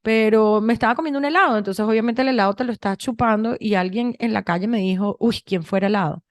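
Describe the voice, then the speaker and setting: A woman in her thirties from Venezuela with a Venezuelan Spanish accent, co-hosting a podcast and telling stories in a chatty, animated way with many restarts. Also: fairly high pitch, quick pace, dry recording. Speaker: podcast co-host. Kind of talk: casual conversation.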